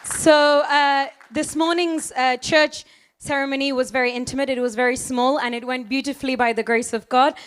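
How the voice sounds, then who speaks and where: A woman's voice: high voice, some chatter behind, slight background noise. A young woman hosting a wedding reception as maid of honor, slightly out of breath, mixing English with Malayalam. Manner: lively, quick announcements, switching between English and Malayalam. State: a little out of breath. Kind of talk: live event hosting over a microphone. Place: large reception hall with loud music.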